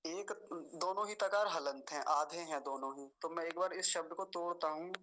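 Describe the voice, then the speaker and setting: A man patiently teaching mantra pronunciation, slowly repeating and drawing out each word. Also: a little high, background noise. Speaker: Vedic recitation teacher. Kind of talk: pronunciation lesson.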